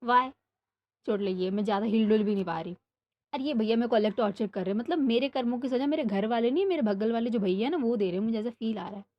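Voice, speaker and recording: A woman's voice: a little high, fast talker, no room sound, dull audio. A young woman rambling animatedly from her bedroom, chatting casually and then narrating a story for her channel. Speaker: storytelling vlogger. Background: neighbour's music playing.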